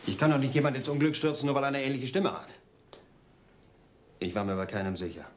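An actor playing an uneasy witness who cannot pick a suspect at a police lineup. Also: male voice, medium pitch, animated, quick pace, a little hiss or hum, lightly acted. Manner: hesitant, uneasy. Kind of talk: 1980s TV crime drama acting.

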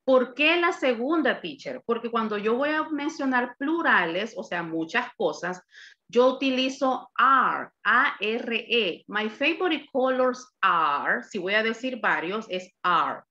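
A woman teaching an English class over a video call, modeling words slowly and carefully. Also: a little high, lively intonation, bright, forceful tone, dull audio.

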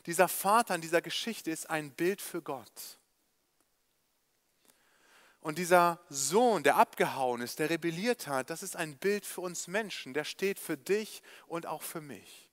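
High-pitched guy preaching in church, telling a story, talks right to the crowd. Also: a little slow. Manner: animated storytelling, direct address to listeners. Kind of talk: evangelistic sermon storytelling.

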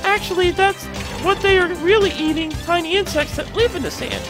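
A let's-play narrator voicing an earnest young woman in a much higher voice, bright and questioning. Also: normal speed, music in the background. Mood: pointed.

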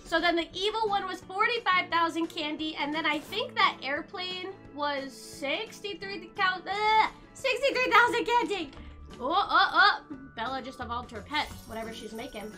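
Excitable high-voiced woman streamer. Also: normal speed. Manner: excitable, reacts loudly to the game, chats with viewers. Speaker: game streamer. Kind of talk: live game stream chat. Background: game music.

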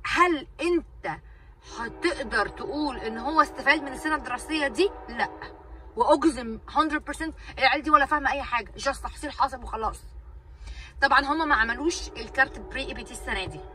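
An Egyptian woman rants to her viewers at a rapid clip, exasperated and repeating her points for weight. Her voice sits a little high and bright, with an edge. She is a bit distant from the mic, with a faint noise behind her. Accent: Egyptian Arabic. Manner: exasperated, ranting, repeats herself for emphasis. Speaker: vlogger and mother. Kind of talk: casual venting to camera.

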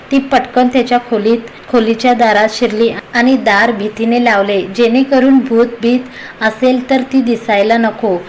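Woman reading a story aloud, steady pace, a bit high, faint hiss behind. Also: low-quality recording. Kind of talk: scripted story narration.

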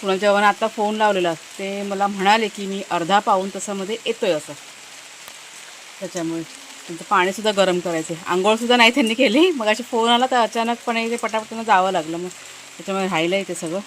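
A woman's voice: mid-range voice, fast, slight background noise. A woman with a Marathi accent vlogging from her village home in casual chat and fussing over her dogs in doting baby talk. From Maharashtra, India. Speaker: family vlogger.

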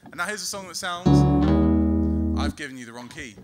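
A man's voice: fairly high pitch, expressive, fairly quick. A young man chatting with the audience from a theatre stage, teaching them a sing-along in a chatty, self-deprecating way over a stand mic. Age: young adult. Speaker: student singer-songwriter performer. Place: theatre stage at an open-mic style show. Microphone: stand microphone on stage. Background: loud live electric guitar.

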